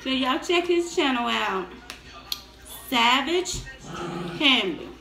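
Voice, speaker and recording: Slow, gravelly-voiced woman eating on camera. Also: sits high, music in the background. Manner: relaxed, laughs often, talks between bites. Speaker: vlog host and mother. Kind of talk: casual mukbang chat while eating. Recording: echoey room with faint background noise.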